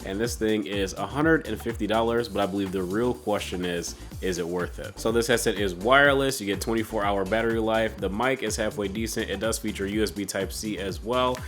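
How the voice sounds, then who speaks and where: A man's voice: fairly low pitch, fairly quick, hardly any pauses, fairly bright tone, soft background music. A man with a sick, stuffy-nosed voice hosting a casual, conversational tech product review. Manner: informal, conversational delivery.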